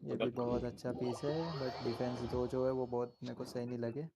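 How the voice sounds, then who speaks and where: A man's voice: medium pitch, flat delivery, normal speed, gravelly, heavy background noise. A man from India streaming a game, chatting casually with friends and talking through character builds in a joking way. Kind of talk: casual gaming chat. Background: loud game music.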